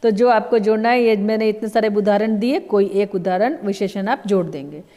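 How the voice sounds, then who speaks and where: A woman teacher slowly giving a grammar lesson, patiently explaining each answer with many examples. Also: mid-range voice, dark tone, big-room sound. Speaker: Hindi teacher.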